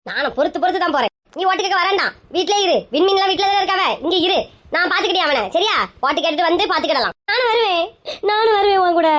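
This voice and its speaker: A woman's voice: very high-pitched, rapid-fire, fairly bright tone. A woman with a Kanyakumari Tamil accent, acting a bossy, scolding elder sister in a comedy sketch.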